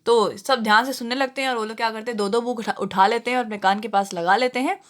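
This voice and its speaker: A woman's voice: a little high, steady tone, quick pace, fairly bright tone. A woman teacher explaining a textbook play, reading English lines and then paraphrasing them in plain terms.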